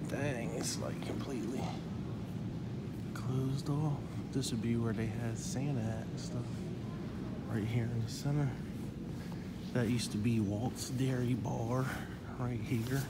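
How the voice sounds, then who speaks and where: A man's voice: medium pitch, fairly even intonation, slow, long pauses, heavy background noise. A middle-aged man walking through an empty indoor mall, casually recalling the stores that used to be there, recorded on a handheld phone. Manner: reminiscing, pointing out old stores. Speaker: vlogger touring a closed mall. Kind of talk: casual walking tour narration. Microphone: handheld phone camera.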